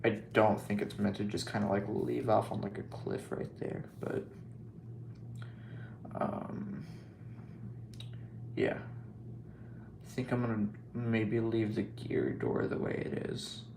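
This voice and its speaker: A man's voice: lowish voice, takes it slowly, creaky, pauses often, a little mellow, a little hiss or hum. A man casually talking through a scale model repair, rambling and joking at himself with plenty of fillers. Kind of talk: casual hobby vlog commentary.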